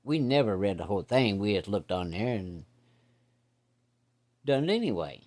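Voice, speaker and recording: A middle-aged man with a fairly low voice spins a long yarn from his boyhood. He talks in plain, folksy country grammar, slipping into the voices of the people in his tale. His telling is easygoing and conversational. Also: very animated, normal speed, a little mellow. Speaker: storyteller. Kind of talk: casual spoken storytelling.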